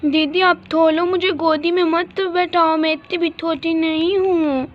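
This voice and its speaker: Woman voicing a tiny little girl, very high, whiny and childlike, doll-play story, lo-fi recording. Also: flat delivery, unhurried. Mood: childish. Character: small hurt little girl, tearful. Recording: dull lo-fi recording.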